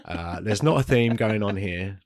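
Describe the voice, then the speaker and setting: A man's voice: on the low side, expressive, normal speed, dry recording, studio quality. A man co-hosting a film podcast, talking in a rambling, hesitant casual way and laughing at himself now and then. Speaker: podcast co-host. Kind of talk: casual chat.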